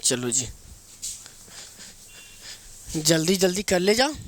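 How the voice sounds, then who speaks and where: A man's voice: high-pitched, fairly bright tone. A man leads an English grammar lesson as a repetitive drill, throwing questions to the class and answering them himself. He spells out words one letter at a time and calls his students "babu" and "beta." His voice sounds dry and close, with no room echo. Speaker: English teacher.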